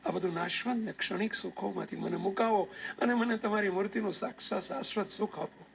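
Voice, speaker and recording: A male preacher voicing a penitent woman who weeps and pleads before the lord, in a soft, hushed delivery. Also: high voice, a little fast, creaky, slight background noise. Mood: tearful pleading.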